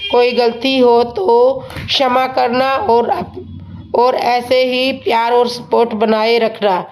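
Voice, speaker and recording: There's a bit of hiss or hum behind this woman as she unhurriedly recounts a devotional tale, earnest and humble in tone. Her voice is rough because her throat is sore, and her somewhat high pitch barely shifts, giving a calm, steady delivery.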